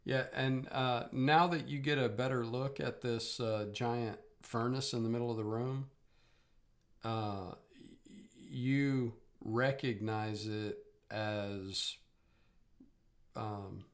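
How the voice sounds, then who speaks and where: A man working as game master, narrating a tabletop game off the cuff and halting as he gropes for words. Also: mid-range voice, fairly even intonation.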